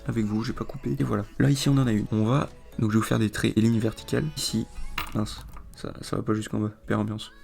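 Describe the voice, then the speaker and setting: A man explaining a trading chart in a screen-recorded tutorial, rambling with many fillers, his voice a little hoarse. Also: fairly low pitch, flat delivery, quick pace, few pauses, darkish tone, soft background music. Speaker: trading video host.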